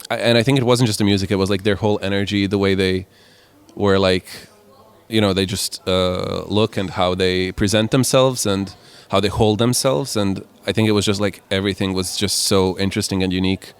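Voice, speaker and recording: Guy in his 20s, lowish smooth voice, rambly and laid back, lots of likes. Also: a little fast. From Croatia. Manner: relaxed, rambling with many "like" and "kind of" fillers. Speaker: musician guest. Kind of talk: casual interview answers.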